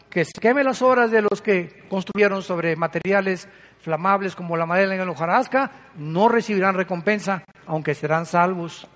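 A woman preaching a sermon with passion, acting out quoted speech. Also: medium pitch. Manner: impassioned, acts out quoted speech. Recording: long hall reverb.

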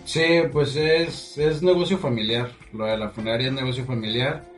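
Relaxed young man, off-mic. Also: mid-range voice, normal speed, far from the mic, faint music behind. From Mexico. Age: 20s. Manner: relaxed, chatty, frequent "así es". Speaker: podcast guest. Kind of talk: casual conversation.

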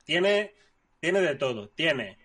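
Guy with a slightly high voice, loose rambling podcast host. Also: very animated, slow pace, a bit bright, husky. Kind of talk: casual chat, introducing the episode.

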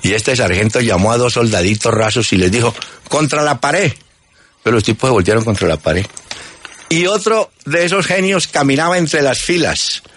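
Older Colombian radio host telling stories. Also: male voice, animated, brisk, a bit bright, breathy edge. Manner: storytelling, acts out quoted voices with pitch jumps. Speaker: radio sports show host. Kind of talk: anecdotal radio chat.

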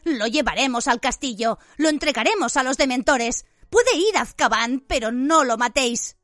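A woman's voice: high voice, animated, moderate pace, fairly bright tone, dry recording, studio quality, pitched above the performer's own voice. Harry Potter, a woman doing a breathless, urgent teenage boy. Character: young boy, breathless and pleading.

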